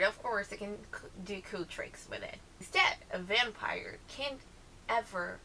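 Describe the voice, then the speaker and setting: A woman with a Brazilian accent, a native Portuguese speaker, chats casually in a bright, forceful, high-ish voice as she reads questions aloud and answers them. She hesitates, corrects herself and rambles off on tangents, and the rough recording carries a little hiss or hum.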